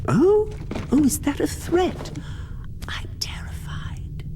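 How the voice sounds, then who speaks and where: An actor playing a smug crime boss in a video game, with a mocking, sarcastic, theatrical delivery. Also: male voice, very high-pitched, lively intonation, slow pace, whispered, exaggerated voice. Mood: gloating, sarcastic. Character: taunting, smug male crime boss villain. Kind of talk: dramatic video game acting.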